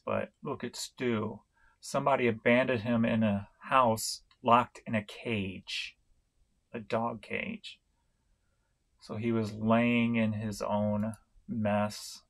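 A middle-aged man from St. Louis, Missouri, giving a casual vlog update on his online reselling, talking in a slow, rambling way with many fillers and restarts. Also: fairly low pitch, creaky. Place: home room, indoors.

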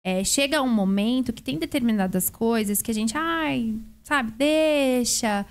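A woman's voice: a little high, unhurried, clear, resonant tone. A woman with a Brazilian accent, co-hosting a podcast and speaking frankly about her marriage in a chatty way. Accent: Brazilian Portuguese. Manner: chatty, frank, with many fillers. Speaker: podcast co-host. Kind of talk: casual podcast conversation.

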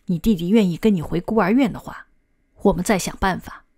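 A woman's voice: medium pitch, a little fast, mellow, husky, natural voice. A woman voicing a kindly middle-aged male village team leader in an audiobook, speaking in a patient, advising way. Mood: calm advising.

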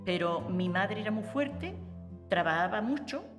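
A woman in her eighties recalls her youth in a plain, unhurried way. Guitar music plays clearly beneath her, and the room carries a lingering reverb. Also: mid-range voice, animated. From Andalusia, Spain. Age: 80s. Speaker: interviewee. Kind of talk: reminiscing interview. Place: living room at home.

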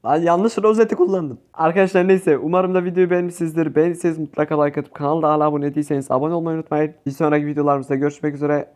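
A young man talks over his game in a casual commentary style. His voice sits on the high side, and he turns excitable, groaning and shouting at teammates as the match goes on. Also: very fast, hardly any pauses. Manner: excitable, swears and yells at teammates. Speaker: gaming youtuber.

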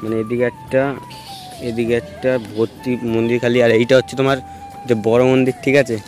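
A man's voice: flat delivery, brisk, faint music behind. A young man giving casual, chatty vlog commentary while walking around a temple garden outdoors, filmed on a handheld phone. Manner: chatty, repeats filler phrases, lowers voice to near-hushed at times. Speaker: vlogger.

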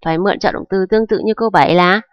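A woman's voice: medium pitch, rapid-fire, no room sound, lo-fi sound. Woman teacher going through grammar rules step by step, patient, keeps checking you follow, dry close sound. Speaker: English teacher. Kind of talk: grammar lesson explanation.

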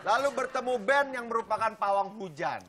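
A man's voice: sits high, expressive, fairly quick, a crowd in the background. A man presenting a talk show segment, announcing and directing an improvised sketch. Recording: studio audience and noise.

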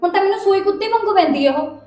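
A young woman playing a combative wife who fires back quick retorts in a family drama. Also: very high voice, animated, a little mellow, echoey room. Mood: angry. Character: fiery young wife quarreling with husband. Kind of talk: village family drama acting.

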